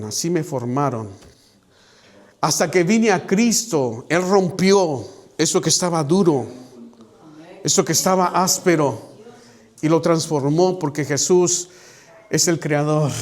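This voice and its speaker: A man preaching a sermon to a small church congregation, addressing his listeners directly and acting out the voices of people he quotes. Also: high-pitched. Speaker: pastor.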